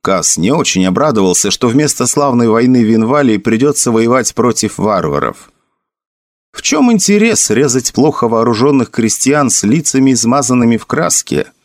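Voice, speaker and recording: A male narrator reading a fantasy audiobook with an expressive, storytelling delivery. His pitch moves in wide, animated swings. The voice is close and dry, with no room sound. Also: normal speed, dry recording.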